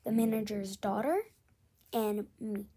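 A woman's voice: mid-range voice, a little slow, mellow, breathy edge. A young woman telling a casual storytime tale in a rambling way, full of fillers and often half-whispered.

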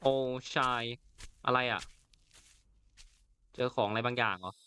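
A man's voice: medium pitch, slow, sharp tone, smooth. A man hosting a let's play of a horror game, reacting chattily and reading the in-game text aloud. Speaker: gaming channel host.

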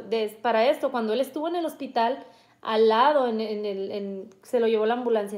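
A woman's voice: on the high side, a little mellow. A woman and mother earnestly recounting a family illness in a vivid personal story, often restarting her sentences.

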